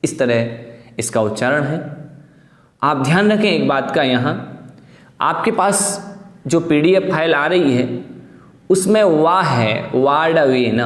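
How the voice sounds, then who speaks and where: A man from India teaching a devotional hymn class, explaining pronunciation patiently and chanting the verses slowly. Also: a little high. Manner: patient, repeats words slowly for pronunciation drill. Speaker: religious teacher. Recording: roomy echo with long reverb.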